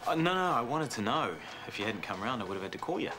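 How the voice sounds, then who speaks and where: An actor plays a wry, easygoing, teasing family friend in a TV soap. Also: male voice, mid-range voice, very animated, fast talker, music in the background, lightly acted. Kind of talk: naturalistic TV soap acting.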